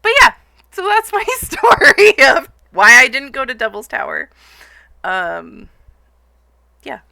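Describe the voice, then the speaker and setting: A woman's voice: sits high, wildly swooping pitch, slow, vocal fry, bright, forceful tone, no room sound. A young woman streaming live, casually telling a long story to her chat, rambling with lots of fillers and frequent laughs.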